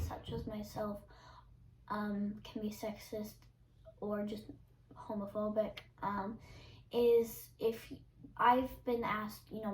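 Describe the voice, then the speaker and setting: A woman's voice: mid-range voice, darkish tone, slight background noise. A teenage girl answering interview questions casually and hesitantly, with many ums and restarts. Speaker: interviewee, younger sibling. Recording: roomy echo, distant mic.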